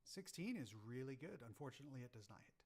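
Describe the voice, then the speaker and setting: A man narrating as game master of a tabletop game, halting and full of ums and restarts as he describes the scene. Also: mid-range voice, animated, a little mellow.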